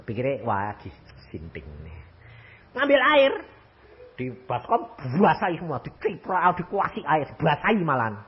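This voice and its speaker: Animated older male preacher. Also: moderate pace. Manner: animated, swinging from loud high exclamations to low quiet asides. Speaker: pastor. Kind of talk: sermon with storytelling. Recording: muffled lo-fi recording.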